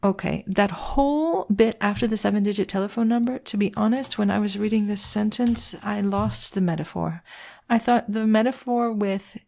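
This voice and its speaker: This writing teacher's editing walkthrough moves step by step through a text as she asks questions aloud and answers them herself. Her medium-pitched voice carries vocal fry and is a little mellow, at a normal speed.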